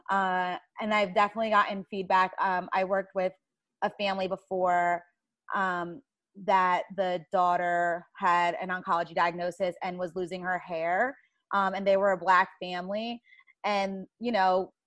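A woman's voice: fairly low pitch, fairly bright tone, no room sound. A woman speaking informally and thoughtfully in a conversational panel discussion, explaining things as she goes. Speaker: child life specialist, guest.

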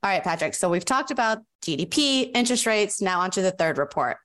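A woman hosting a business podcast, asking questions and reading sponsor messages in an upbeat, steady way. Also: medium pitch, brisk. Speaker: podcast host. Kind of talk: podcast interview and sponsor reads.

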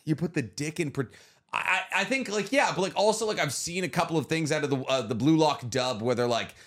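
Animated, opinionated man podcasting casually. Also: fairly high pitch, fairly quick. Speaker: podcast co-host and contestant. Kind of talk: casual chat, guessing game.

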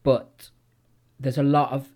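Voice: medium pitch, flat delivery, slow pace, darkish tone, slightly rough. A podcast host in casual chat, earnest and repeating words while thinking aloud.

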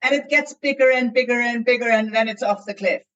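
A woman from Iceland with an Icelandic accent, a novelist chatting hesitantly as a panel guest and pausing often to find her words. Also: on the high side, a bit bright, highs cut off. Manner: hesitant, many fillers and restarts while searching for words. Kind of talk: casual panel chat.

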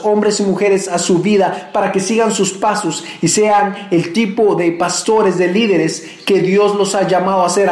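Male pastor, high voice, earnest conversational sermon to his church. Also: a little mellow, reverberant. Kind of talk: church message.

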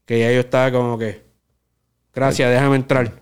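Guy telling a story on a podcast, acts out the lines, clean smooth voice. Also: medium pitch, moderate pace. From Puerto Rico. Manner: animated storyteller, acts out dialogue. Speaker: podcast co-host. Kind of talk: casual storytelling.

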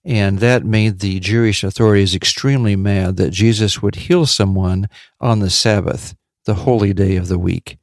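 A man teaching on a devotional podcast in a measured way, repeating key points for emphasis. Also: lowish voice, fairly even intonation, no echo, clean studio sound.

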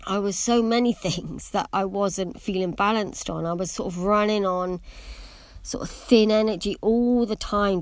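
A woman's voice: mid-range voice, dry recording. A middle-aged woman who wears braces that slightly affect her pronunciation, sharing a candid, reflective personal monologue as a podcast host, in a hesitant, meandering way. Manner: speaking with braces, occasionally imprecise pronunciation.

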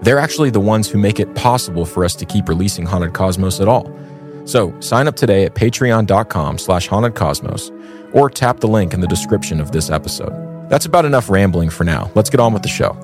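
A man's voice: on the low side, lively intonation, brisk. A man hosting a storytelling podcast, speaking scripted narration in a conversational yet theatrical, ornate way. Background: background music.

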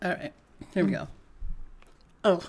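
A woman co-hosting a casual chat, animated and laughing often, who grew up in a Filipino bilingual household. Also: unhurried, a little hiss or hum. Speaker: podcast co-host.

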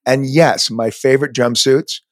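A man hosting an interview, chatty and gushing, and quick to laugh. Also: medium pitch, fairly even intonation, dry recording. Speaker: interview host.

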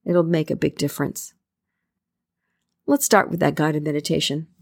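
A woman's voice: low voice, steady tone, normal speed, vocal fry, no echo. A woman speaking as a self-help coach and meditation guide, in an encouraging, instructive way.

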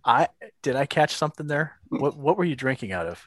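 A man's voice: mid-range voice, animated, a little fast, a bit bright. A man co-hosting in casual chat, joking and teasing. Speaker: co-host.

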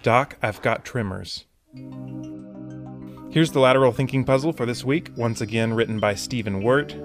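A man's voice: medium pitch, normal speed. A man hosting a puzzle podcast in a conversational way with wry, jokey asides, recorded in a small closet. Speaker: podcast host. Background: music.

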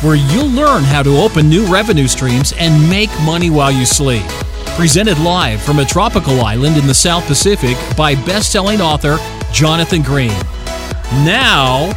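A man's voice: fairly high pitch, big pitch swings, unhurried. A man reading a scripted podcast intro as an announcer, with punchy, emphatic delivery. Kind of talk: scripted promo voice-over. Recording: voice-over with music bed behind.

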